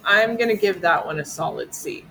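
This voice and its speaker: A woman's voice: lowish voice, lively intonation, moderate pace, gravelly, pushed and bright, slight background noise, rough recording. A woman hosting a casual true-crime podcast, chatty and loose, often breaking into giggles. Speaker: podcast host.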